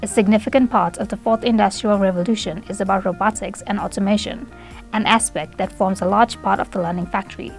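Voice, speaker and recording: A woman reporter reading scripted news narration in an even, read-aloud delivery. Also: medium pitch, fairly quick. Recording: voice-over with faint music.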